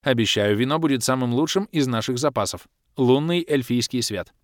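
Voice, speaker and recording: A man voicing a commanding, sharp-tongued baroness in an audiobook. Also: mid-range voice, expressive, dry recording, clean studio sound, voice pushed up, lightly acted. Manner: brisk and imperious. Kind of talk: audiobook character voice.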